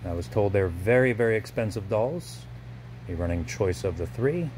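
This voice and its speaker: Brief: lower-voiced man, brisk auctioneer walkthrough, phone-filmed, faint background hum. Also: lively intonation, darkish tone. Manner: brisk item-by-item listing. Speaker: auctioneer previewing lots. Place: large auction gallery warehouse. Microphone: handheld phone camera.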